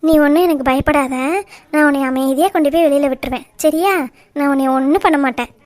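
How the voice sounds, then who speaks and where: A woman's voice: high voice, fairly even intonation, fast talker, a little mellow, natural voice. A woman voicing a bold, fearless young bride-to-be in a cartoon, teasing her elders cheekily. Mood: cheerful. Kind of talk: cartoon voice acting.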